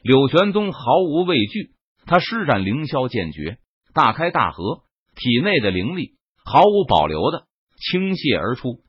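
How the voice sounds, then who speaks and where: A man narrates a fantasy battle as an audiobook, pressing hard on every clash. His voice is husky and rises and falls widely. The recording sounds dull, dry and close. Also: mid-range voice, very animated, unhurried, no echo. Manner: dramatic, emphatic delivery of action scenes. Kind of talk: dramatic novel narration.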